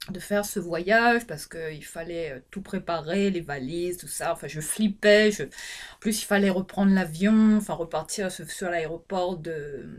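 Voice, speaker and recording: A woman from Réunion with a Réunion Creole French accent and a sing-song, lilting intonation, chatting hesitantly to her viewers as a vlogger, with many fillers and restarts. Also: fairly low pitch. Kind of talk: casual chat to camera.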